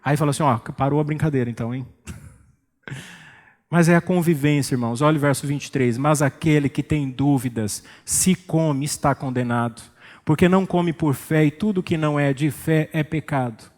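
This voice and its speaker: A man with a Brazilian Portuguese accent preaching an expository sermon as pastor, calm and joking, acting out church members. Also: fairly high pitch, moderate pace, big-room sound. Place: church sanctuary.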